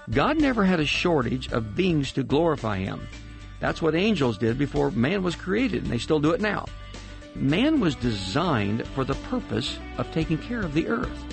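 Man, gravelly preacherly devotional read, animated pitch, music bed behind. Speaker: radio devotional speaker. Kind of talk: scripted radio devotional.

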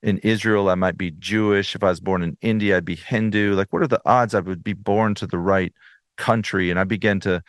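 Deep-voiced man telling his faith story. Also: steady tone, a little fast, dry recording, clean studio sound. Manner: earnest storytelling with frequent restarts. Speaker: interview guest. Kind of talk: personal testimony in conversation.

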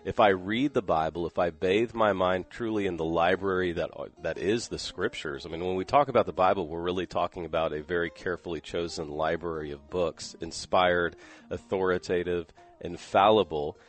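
A man with a very low voice teaches in a measured way. He stresses key words one at a time. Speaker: guest speaker in a recorded radio segment. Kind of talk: teaching talk.

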